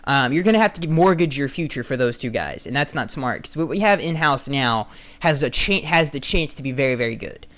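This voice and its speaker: A young man hosting a casual solo podcast, answering fan questions bluntly with lots of restarts, his voice going hoarse. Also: mid-range voice, animated, brisk, a bit bright. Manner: rambling, restarts and fillers, blunt opinions. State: losing his voice.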